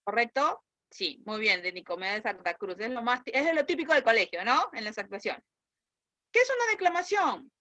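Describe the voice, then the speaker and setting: A Peruvian woman teacher lectures in a somewhat high voice, asking her students questions and checking in with them. Her speech comes through a computer mic on a video call, close and dry with no room sound. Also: very animated, normal speed, sharp tone, dry recording. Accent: Peruvian Spanish. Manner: explanatory, asks students questions and checks with "¿correcto?". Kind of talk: online class lecture.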